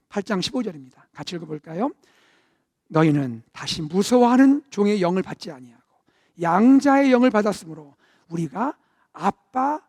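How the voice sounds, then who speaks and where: A middle-aged pastor preaching in a high, bright voice. He talks to the congregation in a chatty way, rising to loud emphasis and sinking to soft, breathy asides. The sound is close and dry. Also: no room sound. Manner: warm conversational preaching, swells to loud emphasis then drops to near-whispers. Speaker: senior pastor. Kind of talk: sermon.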